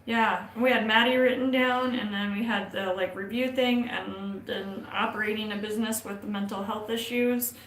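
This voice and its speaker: A woman's voice: medium pitch, steady tone, normal speed, few pauses, fairly bright tone, a little hiss or hum. A woman co-hosting a casual chat show, teasing her partner playfully. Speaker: co-host. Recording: echoey room, faint ambience.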